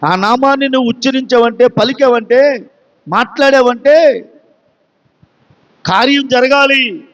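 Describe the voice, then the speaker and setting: Pastor, male, Telugu accent, very high voice, emphatic sermon delivery with rhetorical questions, long hall reverb. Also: a little slow, fairly bright tone. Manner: emphatic, repeats phrases.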